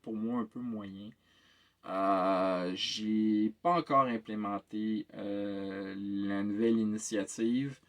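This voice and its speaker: Slow and on the low side, this man's voice keeps a fairly even intonation. He's a tabletop game master with a Québécois French accent, giving a casual, meandering vlog update while sounding worn out, with frequent hesitations, filler sounds and repeated words.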